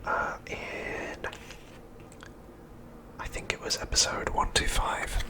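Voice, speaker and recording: In a soft, breathy whisper with no voicing, a male ASMR host recaps an episode, taking his time over each word.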